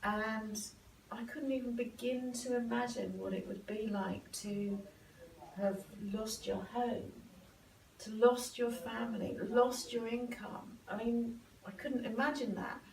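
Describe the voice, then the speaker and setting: A woman's voice: a little high, steady tone, unhurried, vocal fry, darkish tone. A woman dentist talking in an interview, heartfelt and emphatic. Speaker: dentist guest. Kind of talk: sofa interview. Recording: echoey room, mic far off.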